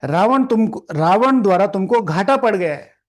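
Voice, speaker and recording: A man's voice: sits high, lively intonation, moderate pace. A man teaching a spiritual class, reading the lesson aloud and explaining it, scolding the listeners, repeating lines and asking the room questions. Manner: often adds "theek hai" as a check-in. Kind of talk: sermon with explanation to a seated class. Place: meditation hall with a live audience.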